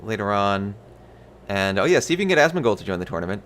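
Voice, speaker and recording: Deep-voiced fast-talking stream co-host. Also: male voice, sing-song, slight background noise. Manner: analytical, gently advising on plays. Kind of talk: casual live-stream game commentary.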